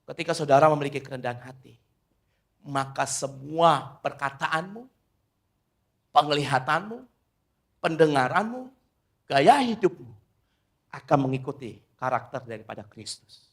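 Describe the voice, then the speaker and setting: A middle-aged pastor with a voice on the high side preaches expressively at a normal pace, leaving long pauses. His sermon veers between loud emphasis and quiet asides, with frequent use of "saudara" for the congregation.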